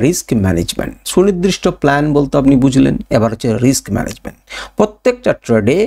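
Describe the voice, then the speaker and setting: A man's voice: medium pitch, gravelly, a little mellow. A man teaching trading, who poses rhetorical questions and answers them himself, repeating key points with a Bengali accent. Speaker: trading educator. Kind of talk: spoken tutorial.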